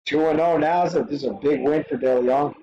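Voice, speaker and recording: Guy streaming a fight, kinda high voice, hyped and cussing, muffled lo-fi audio. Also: fast. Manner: excitable, swears freely, reacts in short bursts. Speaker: live stream host reacting to a fight. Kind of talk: casual live watch-along commentary.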